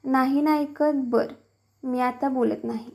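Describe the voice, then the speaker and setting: A woman's voice: high-pitched, fairly even intonation, slow, creaky, a little mellow, full character voice. A woman reading the lines of a stern but loving village mother who scolds her son for lying. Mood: scolding. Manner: firm, scolding.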